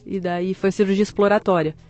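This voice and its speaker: With faint music playing behind her, a woman talks at a quick pace in a mid-range voice. She's a guest in an interview, recounting her story with candor and humor and animatedly voicing the people she quotes.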